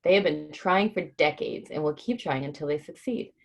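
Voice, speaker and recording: A low-pitched, gravelly woman reads a children's book at normal speed as host of a casual livestream. Keeping it informal for her young audience, she explains hard words simply.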